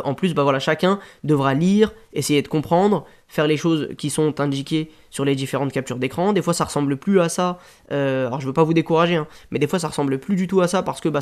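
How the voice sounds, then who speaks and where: Casual French tutorial guy, slightly high voice, chatty and full of fillers. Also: darkish tone. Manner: casual, rambling explanations with frequent fillers. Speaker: WordPress tutorial host. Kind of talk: screen-share tutorial.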